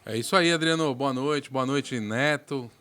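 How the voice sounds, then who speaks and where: A man hosting a podcast in an upbeat, presenter-like manner, welcoming the guest and plugging sponsors. His voice sits at an ordinary mid pitch. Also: moderate pace, fairly bright tone. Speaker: podcast host.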